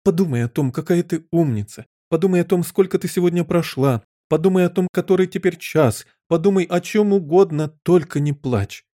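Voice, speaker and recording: A man's voice: on the high side, expressive, moderate pace, mellow, no echo, clean studio sound, lightly acted. A man voicing a fussy, flustered elderly queen in an audiobook, given to wailing and crying out. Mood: pleading. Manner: wails and cries out, fretful.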